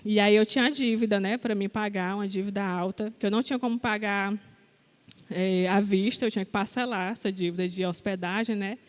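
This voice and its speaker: A woman's voice: mid-range voice, fairly even intonation, fairly quick. A young woman giving a personal testimony in a sermon, telling her story candidly and quoting the people in it. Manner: candid storytelling, quotes herself and others. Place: church hall. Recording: long hall reverb.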